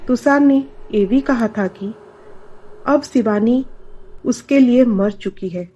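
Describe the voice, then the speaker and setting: A woman narrating a family drama story in a measured, scripted storytelling manner. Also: on the high side, dark tone, husky, muffled recording.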